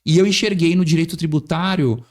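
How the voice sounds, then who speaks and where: A man's voice: a little high, a little fast. A man with a São Paulo accent, a tax lawyer guest on a podcast, speaking articulately and wittily and often adding "né". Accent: São Paulo Portuguese. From São Paulo, Brazil. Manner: articulate, witty, rhetorical, frequent tag "né". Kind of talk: podcast interview.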